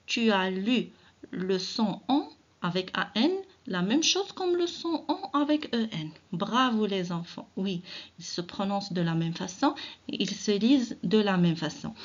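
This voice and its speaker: A woman teacher giving an early reading lesson, speaking directly to children, encouraging them and sounding out syllables slowly and deliberately. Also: medium pitch, muffled recording. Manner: slow, drawn-out syllable-by-syllable reading. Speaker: primary school teacher.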